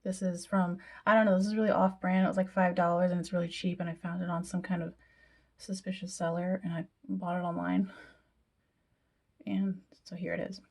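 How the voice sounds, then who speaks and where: A woman's voice: on the low side, little pitch movement, fairly quick. A young woman chatting casually through a makeup tutorial, with self-deprecating asides that sometimes drop to a whisper. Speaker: beauty vlogger.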